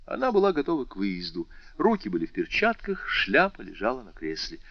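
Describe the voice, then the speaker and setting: A man's voice: mid-range voice, huge pitch swings, fairly quick, no room sound, highs cut off. A man narrating a classic novel as an audiobook, reading expressively. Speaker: audiobook reader. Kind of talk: scripted narration.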